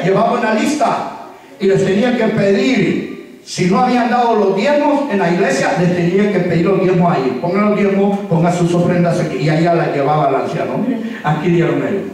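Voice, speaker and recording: A man's voice: high-pitched, darkish tone. A man preaching a sermon as pastor, urging the congregation to repeat after him and acting out quoted dialogue. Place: church. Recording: very echoey church sound from far off.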